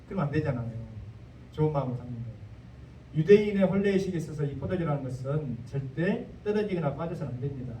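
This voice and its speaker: Folksy Jeolla pastor preaching in an echoey church. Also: male voice, a little high, animated, fast talker, warm tone, slight background noise. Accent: Jeolla Korean. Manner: folksy and joking, slipping into dialect asides. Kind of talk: sermon. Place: church sanctuary. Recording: echoey church hall, mic at a distance.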